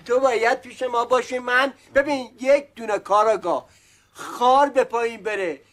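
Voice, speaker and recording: An easygoing landlord father in a TV comedy who soothes the others and calls them son and dear. His voice is very high for a man. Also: fairly bright tone. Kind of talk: sitcom acting.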